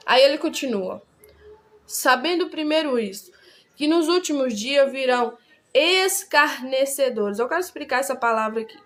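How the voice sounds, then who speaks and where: A woman gives a casual Bible study. Her voice sits high, and she talks in a chatty, repetitive way, checking in with her listeners often. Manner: chatty, repeats words, many tag questions. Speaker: Bible teacher.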